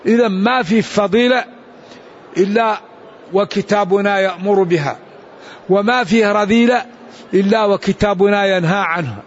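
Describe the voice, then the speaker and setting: Guy with a high voice teaching a religious lesson, slow explaining, muffled lo-fi recording. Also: slight background noise. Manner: explanatory, unhurried, with restarts and asides. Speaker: Islamic scholar.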